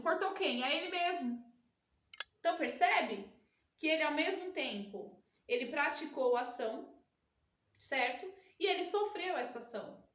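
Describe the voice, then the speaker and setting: Brief: teacher, a woman with a high voice, patient and explanatory, recorded in an echoey room from a distance. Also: a bit bright. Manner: explanatory, constantly checks in with listeners. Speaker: Portuguese teacher. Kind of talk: recorded grammar lesson.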